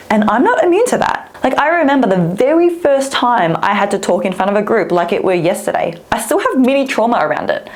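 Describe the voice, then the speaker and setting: This is direct-to-camera coaching from a cheerful woman who speaks in a chatty, expressive way. Vietnamese is her native language, and her voice sits at a mid pitch for a woman.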